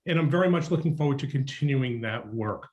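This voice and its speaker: A man's voice: mid-range voice, lively intonation, brisk, muffled recording. A man running for office, giving an earnest opening statement with frequent ums. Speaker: political candidate.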